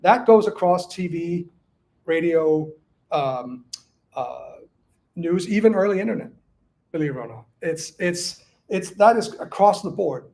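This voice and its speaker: A man from Denmark, an author answering audience questions in casual academic talk, halting with many restarts and fillers. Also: sits high, expressive, gravelly, darkish tone.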